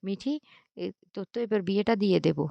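Brief: teasing sister-in-law figure in a storybook recap, lively, read by a woman in a mid-pitched voice. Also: quick pace, creaky, no room sound, lo-fi sound, lightly acted.

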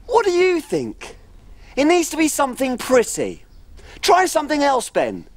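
A woman's voice: sits high, huge pitch swings, a little slow, slight background noise, full character voice. A woman playing a tiny, cheerful female cook on a children's TV show, bubbly and giggly, telling stories in a sing-song way. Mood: playful. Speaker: children's TV presenter. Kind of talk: children's TV acting and storytelling.

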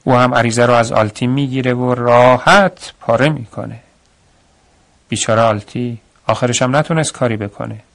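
A man's voice: mid-range voice, steady tone, a bit bright, lightly acted. A man voicing an older village woman who tells gossip in a confiding, indignant way.

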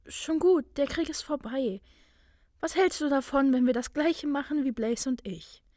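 Woman voicing a bright, confident young witch. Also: sits high, no echo, studio quality, voice pushed up. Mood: friendly. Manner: bright, brisk, self-assured. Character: young woman, clever confident wizard student.

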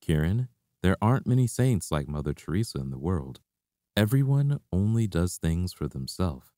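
A young man, a karate instructor, reading his own memoir aloud in a steady, reflective way. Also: low-pitched, moderate pace, no room sound, studio quality. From Canada. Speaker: martial arts instructor.

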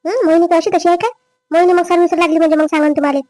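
A woman playing a greedy, scheming young wife in a family drama skit, with a quick, complaining manner. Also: extremely high pitch, little pitch movement, darkish tone, dry recording. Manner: quick, complaining, rising whine. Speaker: daughter-in-law.

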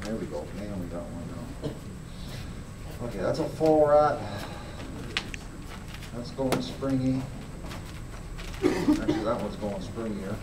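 A middle-aged fur grader with a lowish, animated voice gives a live grading demonstration to an audience in a large indoor hall, speaking slowly and plainly with long pauses and often urging people to look closer. A distant camera picks him up in the echoey space, and background noise is heavy.

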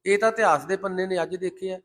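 A man's voice: high-pitched, fairly bright tone. Impassioned Sikh preacher man. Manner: impassioned, slows to intone scripture lines. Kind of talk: Gurbani sermon with sung scripture quotes.

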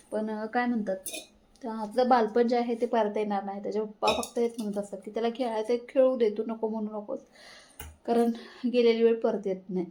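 A woman's voice: on the high side, mellow, low-quality recording. Chatty young mother, homely vlog talk. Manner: chatty, homely, talks straight to viewers. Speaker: vlogger. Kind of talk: casual home vlog chat. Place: home, indoors. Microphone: phone held at hand.

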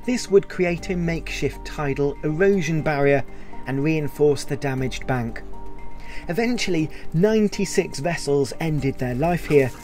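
A man reading scripted narration in a measured, informative way. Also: fairly high pitch, a little mellow.

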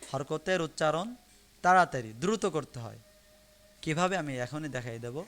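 A man's voice: a little high, expressive, normal speed, fairly bright tone, clean tone. A man teaching Quran reading in an online class, patiently repeating each syllable for learners to follow. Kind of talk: online lesson teaching Arabic letters. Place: online live class broadcast.

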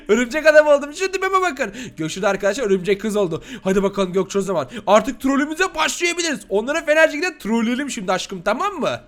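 A man's voice: extremely high pitch, fairly bright tone. A man hosting a Minecraft role-play video, playful and teasing as he talks to viewers. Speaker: host.

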